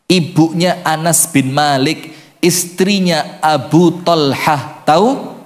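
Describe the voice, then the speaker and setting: A man's voice: a little high, slow. A man preaching a sermon, telling a story and putting questions to his listeners. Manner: storytelling, asks the crowd questions. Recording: long hall reverb.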